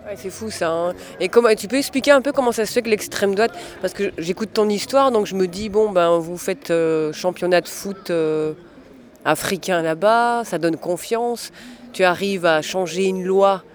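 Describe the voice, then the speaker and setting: High-voiced man asking probing questions. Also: moderate pace. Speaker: interviewer. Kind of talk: conversational interview questions.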